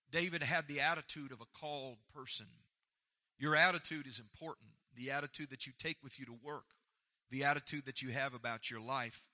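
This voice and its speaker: A man preaching a motivational sermon with emphatic, repetitive oratory, swinging between loud and soft and calling on listeners to respond. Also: medium pitch. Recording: echoey hall with long reverb.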